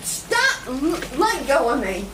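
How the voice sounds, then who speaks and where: A very high, wildly swinging woman's voice in her sixties, shrieking and swearing belligerently. She is caught from a distance on a police body camera, with boomy room echo and steady noise under her. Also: takes it slowly. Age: 60s. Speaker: arrested driver. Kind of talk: bodycam footage. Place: police station, indoors. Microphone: officer's body camera. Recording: noisy echoey bodycam audio from afar.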